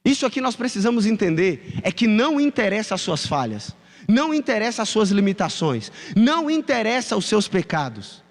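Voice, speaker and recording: Animated preacher. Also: male voice, sits high, brisk. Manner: animated storytelling, addresses the congregation. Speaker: pastor. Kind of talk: sermon. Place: church hall. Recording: reverberant church hall.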